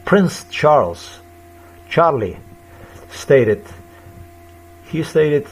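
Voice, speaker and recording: A man's voice: fairly high pitch, sing-song, very slow, slightly rough. A man in his fifties delivering an agitated, repetitive ranting monologue in broken, non-native English grammar. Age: 50s.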